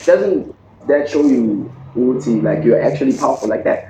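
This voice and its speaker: Very animated and mellow, this podcast host speaks at a moderate pace and medium pitch, with a little hiss or hum in the audio. He has a South African accent and chats casually but earnestly, restarting often and dropping in bits of Zulu. The room sound is dull and echoey.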